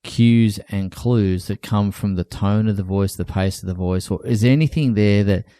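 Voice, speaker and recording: A man's voice: on the low side, normal speed, warm tone, smooth, no echo, clean studio sound. A man hosting a podcast as a dentist, thoughtful and summarizing, with many fillers. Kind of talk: conversational podcast interview.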